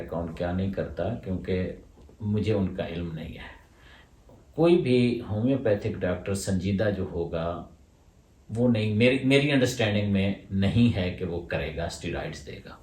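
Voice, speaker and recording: A man's voice: sits low, expressive, moderate pace, darkish tone, distant mic. A man, a homeopathic doctor answering questions and explaining his points in order. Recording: roomy echo, voice from away from the mic.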